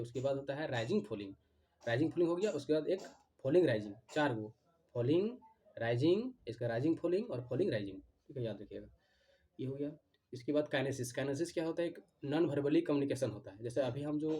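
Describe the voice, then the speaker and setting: A man teaching an exam-prep class, mixing Hindi and English and slowly repeating key terms. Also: on the high side, dark tone, a little hiss or hum. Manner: repeats key terms slowly, often adds "theek hai".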